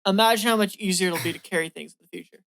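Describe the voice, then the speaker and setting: A woman appearing as a guest on a casual podcast chat. She jokes in a dry, deadpan way and pushes back bluntly in the banter. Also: medium pitch, rapid-fire, vocal fry. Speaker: guest, artist.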